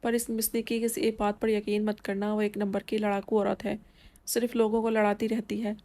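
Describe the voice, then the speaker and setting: A woman voicing a caring, protective young man who speaks to his sister in a gentle, soothing way. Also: mid-range voice, flat delivery, lightly acted.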